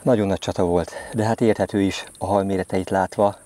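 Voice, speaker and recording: A man fishing outdoors by a river, giving vlog commentary with excited exclamations as he fights a fish. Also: deep voice, no echo. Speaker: angler. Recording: outdoor noise with crickets and insects.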